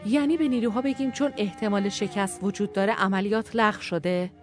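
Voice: medium pitch, steady tone, soft background music, pitched above the performer's own voice, close to an everyday voice. Storyteller doing a weary male commander, pleading, emotional, audio story, faint violin behind. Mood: questioning. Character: grieving war commander, man, weary and pleading.

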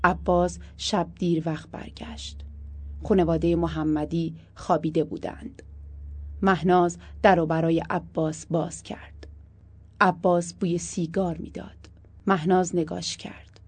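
Female audiobook narrator, calm storyteller, low mellow voice, dry studio sound. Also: breathy edge, dry recording.

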